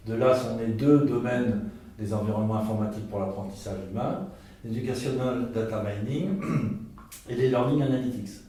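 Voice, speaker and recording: A man interviewing guests, asking formal questions in a measured way. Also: medium pitch, dark tone. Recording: echoey room, distant mic, faint noise.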